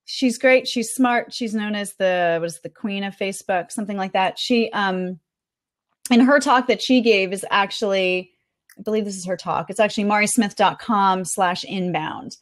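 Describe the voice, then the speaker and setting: A woman talking casually as a podcast guest. She is chatty and animated, often stops to laugh or search for a word, and her voice sits in an ordinary middle range. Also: mid-range voice, normal speed. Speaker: guest reporting on a marketing conference.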